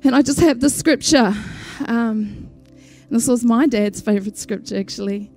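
A woman with a New Zealand accent giving a heartfelt, informal introduction at church, speaking sincerely and haltingly. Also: a little high, a little mellow, faint music behind. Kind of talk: heartfelt informal tribute speech.

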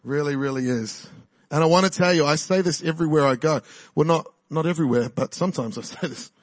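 A fast-talking guest preacher with a slightly high voice, recorded without echo, shares his personal testimony in a church. He's a New Zealander in his forties whose sermon is chatty and exuberant, full of laughter and rallying calls to the crowd.

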